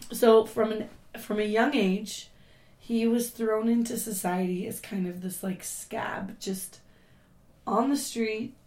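A hoarse woman who has lost her voice, co-hosting a casual podcast chat and rambling with many fillers. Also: fairly high pitch, fairly even intonation, takes it slowly, darkish tone, echoey room. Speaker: podcast co-host.

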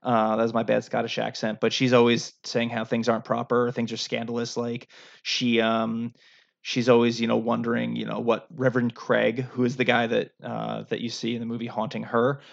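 Gravelly man rambling casually. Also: medium pitch, monotone, normal speed. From United States. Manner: rambling, with frequent fillers and restarts. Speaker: podcast co-host. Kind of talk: casual chat. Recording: dull lo-fi sound.

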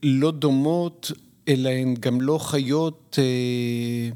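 A middle-aged man, a podcast guest, explaining his views in a measured, lecturing way, often pausing to find the right word. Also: medium pitch, fairly even intonation, dark tone, smooth. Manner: measured, lecturing, pauses to search for words. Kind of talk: reflective conversational explanation.

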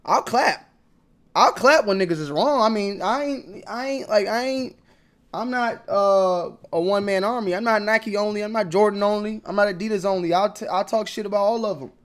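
A young man vlogging about sneakers in slangy, repetitive casual talk that swings between mumbling and loud outbursts. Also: high-pitched, steady tone, fairly quick. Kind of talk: casual ranting commentary.

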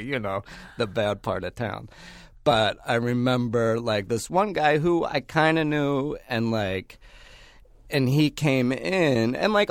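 A man with a fairly low voice tells stories from his past in a loose, rambling way. He leans hard on fillers and swears freely. The sound is close and dry, with no room around it. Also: no room sound. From Pennsylvania, United States. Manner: rambling, heavy use of fillers, blunt and profane. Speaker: podcast guest. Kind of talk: casual storytelling.

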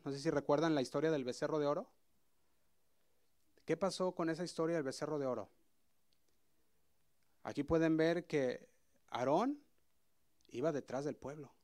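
A man's voice: on the high side, darkish tone. A man preaching a sermon in a conversational way, often asking the congregation questions and hesitating as he explains. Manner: asks the congregation frequent questions.

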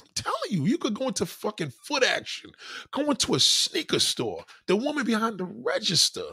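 This New Yorker has a mid-range, creaky voice with a breathy edge, recorded cleanly in a studio with no room sound. He reads viewer comments on his live stream and rants casually, bluntly and profanely in animated street talk.

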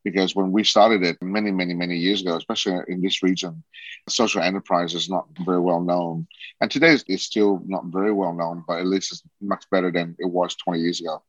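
A man's voice: low voice, steady tone, a little fast, dry recording. A man, talking casually as an interview guest in a rambling way with many restarts. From Australia. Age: 40s. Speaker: guest, social entrepreneur. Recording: dull lo-fi sound.

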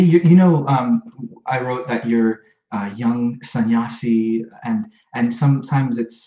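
A man's voice: medium pitch, dark tone. Man, podcast host, casual chatty manner, roomy echo, slightly muffled sound. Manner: chatty, many fillers and restarts. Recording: echoey room, slightly dull sound.

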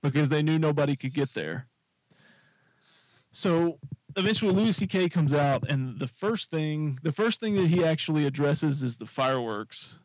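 A man's voice: fairly high pitch, expressive, normal speed, a little mellow, dry recording, lo-fi sound. A man casually telling a long, rambling anecdote on a talk show, full of fillers and asides. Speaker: podcast co-host telling a story. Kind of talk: casual storytelling chat.

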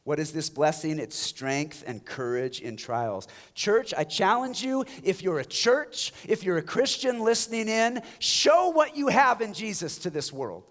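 Passionate man preaching a sermon. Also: high-pitched. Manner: passionate, wide swings from loud exhortation to hushed near-whisper. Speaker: pastor.

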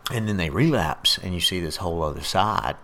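A man's voice: low-pitched, lively intonation, brisk, fairly bright tone. A man telling blunt, joking stories in a casual podcast chat. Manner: easygoing, blunt storytelling with jokes. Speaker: podcast guest, former drug addict.

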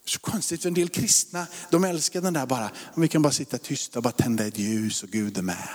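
A man in his forties, a pastor preaching a sermon, rising to loud emphasis and dropping to hushed whispers. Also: medium pitch. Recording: long hall reverb.

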